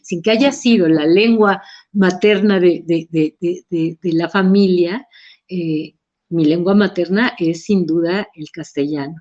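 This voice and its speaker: This slightly muffled recording captures a middle-aged woman from Mexico, speaking with a Mexican Spanish accent in a personal, reflective talk. She pauses and starts over at times, her lowish, darkish voice moving unhurriedly.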